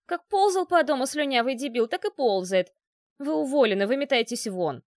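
A woman voicing a sharp-tongued, scheming young woman who shouts shrilly. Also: a little high, very animated, a little fast, no room sound, clean studio sound, voice pushed up. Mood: furious.

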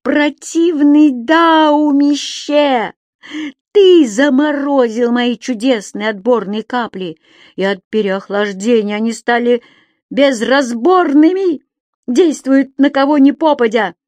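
A woman voicing a cheeky, indignant little male magic creature who shouts and teases in a high, squeaky voice. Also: animated, measured pace, dry recording, lightly acted. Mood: indignant shouting. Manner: shouting, squeaky, singsong teasing.

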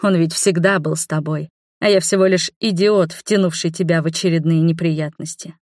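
A woman voicing a gentle young man who speaks calmly, softly and slowly. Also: sits low, dry recording, studio quality, close to an everyday voice. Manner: calm, soft and slow. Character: calm gentle man, shapeshifter lover.

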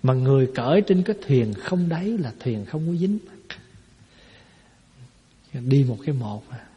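A man's voice: mid-range voice, lively intonation, measured pace, dark tone. A man, a Buddhist monk giving a folksy dharma talk to a hall, explaining with rhetorical questions. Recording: echoey hall, dull lo-fi sound.

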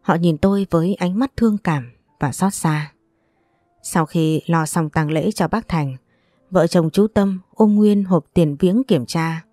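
A woman narrating a first-person audio story in a steady, subdued way. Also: fairly low pitch, measured pace, dry recording, studio quality.

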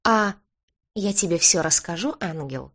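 Woman reading smug werewolf man, mocking, self-satisfied, lowish voice, storybook. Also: animated, measured pace, fairly bright tone, full character voice. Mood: teasing.

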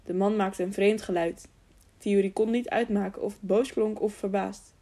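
A woman reading an audiobook aloud in an even storytelling manner. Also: medium pitch, normal speed. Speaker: audiobook narrator. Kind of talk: scripted narration.

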